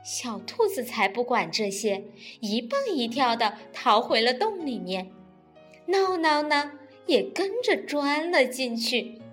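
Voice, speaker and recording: Slow, playful female storyteller. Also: high-pitched, soft background music. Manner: playful and animated. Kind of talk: children's storybook reading.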